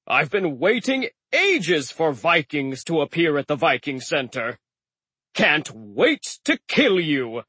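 An audiobook narrator voicing a huge stone giant who is cheerful about killing, with a rumbling voice and slow, lively delivery. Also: male voice, breathy edge, dry recording, full character voice. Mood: cheerfully menacing. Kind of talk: audiobook character voice.

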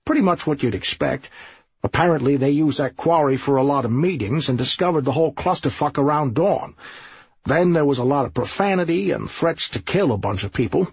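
A man's voice: on the high side, lively intonation, creaky, husky, no echo, dull audio, pitched above the performer's own voice, full character voice. A man voicing a scheming, bossy middle-aged police sergeant who waves off every worry. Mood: dismissive. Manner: brisk, bossy, dismissive.

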